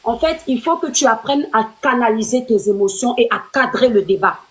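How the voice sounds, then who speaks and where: A woman's voice: fairly high pitch, animated, brisk, slightly rough, rough recording. A woman from Cameroon hosting a live-stream debate, firm and scolding as she corrects a guest. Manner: firm, scolding, calls others "ma grande".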